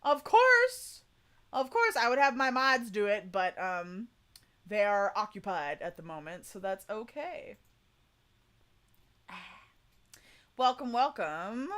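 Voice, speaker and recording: A woman chats to viewers on a livestream in an informal, folksy way. Her voice sits high with a bright edge, and she takes her time as she talks. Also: very animated, slow pace, pauses often. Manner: chatty, informal, folksy "y'all". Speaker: VTuber streamer, voice coach. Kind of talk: casual livestream chat.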